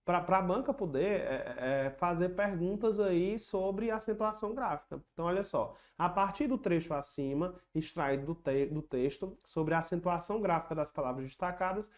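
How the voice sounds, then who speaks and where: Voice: medium pitch, moderate pace, hardly any pauses. An exam-prep teacher giving an online lesson, patiently explaining each point, repeating the key rules and chanting little rhyming memory tricks.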